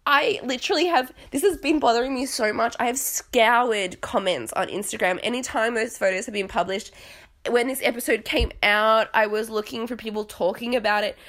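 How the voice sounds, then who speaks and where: A woman's voice: fairly high pitch, moderate pace, fairly bright tone. A young adult woman hosting a podcast, chatting casually about reality TV in a rambling, self-deprecating and exclamatory way. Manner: dramatic, exclamatory. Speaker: podcast host.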